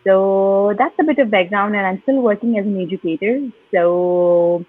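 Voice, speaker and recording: A woman's voice: mid-range voice, moderate pace. A woman from Pakistan, a guest in a live online interview, speaking earnestly with frequent fillers over a video call. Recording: tinny phone-like call line.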